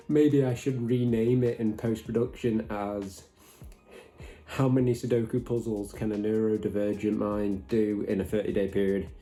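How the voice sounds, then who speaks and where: A man with a fairly low voice narrates and updates a hobby vlog in an easygoing, chatty way. He often stops to reflect on how he is getting on. Faint music plays quietly behind him. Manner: relaxed, chatty and self-reflective. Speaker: hobby vlogger.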